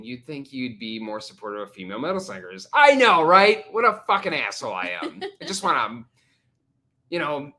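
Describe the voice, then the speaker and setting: Woman, young adult, live stream host. Crude teasing humor, very animated pitch. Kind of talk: casual live stream chat.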